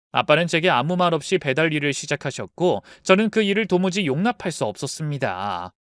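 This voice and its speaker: Calm woman narrating a true story. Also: low-pitched, dry recording, studio quality. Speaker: narrator of her own story.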